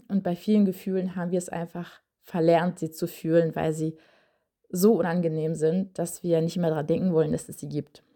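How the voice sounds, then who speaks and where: A woman's voice: fairly low pitch, dark tone. A woman giving casual parenting advice in a direct, conversational way, speaking straight to the listener with frequent fillers.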